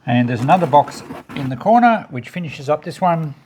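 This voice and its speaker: Sorting items on camera for a casual unboxing, this e-waste reseller and recycler thinks out loud plainly, speaking a little fast with lively intonation in a slightly high voice. Clicks and noticeable background noise can be heard.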